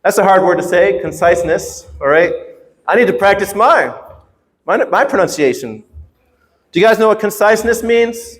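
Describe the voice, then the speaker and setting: A man's voice: high-pitched, expressive, moderate pace. A man teaching English in a casual, playful workshop style, often checking in with his students as he explains. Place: large reverberant room at a university workshop. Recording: echoey hall with long reverb.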